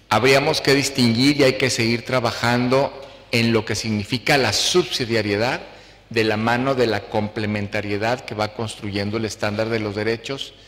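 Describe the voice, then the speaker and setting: Low-voiced man in a reverberant hall. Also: a bit bright. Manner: measured, enumerates points, frequent fillers. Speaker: panelist, law academic. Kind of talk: round-table academic talk. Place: lecture hall.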